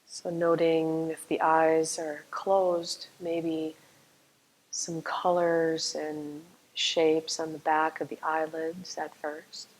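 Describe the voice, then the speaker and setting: A woman teaching yoga nidra leads a guided meditation, her low voice calm and soothing, with long, unhurried pauses. The audio quality is poor.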